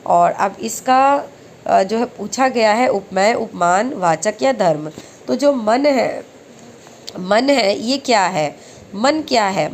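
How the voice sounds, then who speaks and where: A woman teaching exam-prep lessons who recites verse slowly and then explains each question step by step. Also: mid-range voice, slight background noise.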